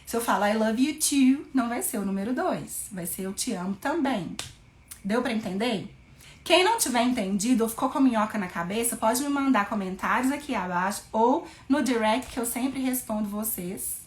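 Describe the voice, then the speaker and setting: A woman English teacher in a casual lesson, spelling out words and slowing down for English examples. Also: a little high, lively intonation. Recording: echoey room.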